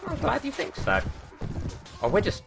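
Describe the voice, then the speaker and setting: A young man streaming a battle game live, animated and jokey, barking orders at his troops and swearing cheerfully. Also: high-pitched, moderate pace, creaky, over music. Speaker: gaming streamer. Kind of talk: live gameplay commentary.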